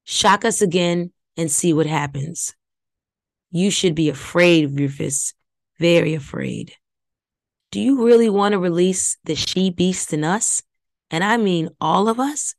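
A vengeful she-beast rasps in a bass, alien growl, put on by a woman narrating the tale. Her threats come slow and low. The sound is dry and close. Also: dry recording. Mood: menacing. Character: monstrous female she-beast, menacing and vengeful. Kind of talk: audiobook reading.

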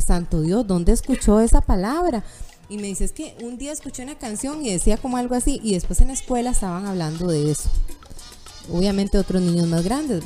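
A woman in her thirties, a guest on a chat show, telling candid personal stories and acting out the voices she quotes. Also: medium pitch. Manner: animated storytelling, acts out quoted voices.

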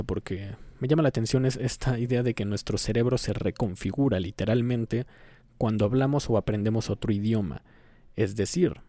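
A low, gravelly man with a Mexican Spanish accent talks through a solo podcast episode. His tone is dark and mellow, recorded close and dry. He rambles and corrects himself as he goes, airing strong opinions in a loose, conversational way. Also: dry recording. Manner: opinionated, rambling, self-interrupting with fillers and laughs. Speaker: podcast host. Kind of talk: casual solo podcast monologue.

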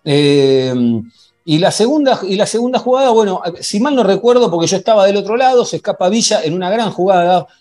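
A man with an Argentine accent hosting a football podcast in a conversational, halting way, often repeating himself. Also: high-pitched, expressive, darkish tone. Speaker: sports podcast host. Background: faint music.

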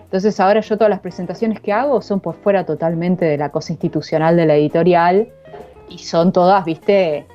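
A woman's voice: lowish voice, fairly even intonation, brisk, warm tone, highs cut off, faint music behind. A woman with an Argentine accent, an author talking casually about her book in an interview, slangy and thinking aloud. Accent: Argentine Spanish. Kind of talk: casual conversation.

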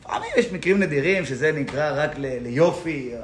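Man, rabbi giving a lesson, animated explanations, fairly high voice, echoey hall. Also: a little hiss or hum. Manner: explanatory, animated, laughs while telling stories. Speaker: rabbi teaching a class. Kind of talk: Torah lesson in a synagogue. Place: synagogue hall. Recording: echoey room.

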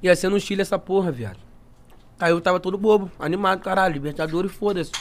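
A man telling a story in a casual podcast chat, animated and full of slang and swearing. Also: high voice, quick pace. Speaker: podcast guest.

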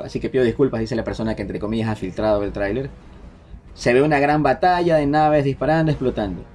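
A man, hosting a casual podcast chat, relaying leaked details in a quick, restarting way. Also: mid-range voice, a little mellow. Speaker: podcast host. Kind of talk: casual group chat about film rumors.

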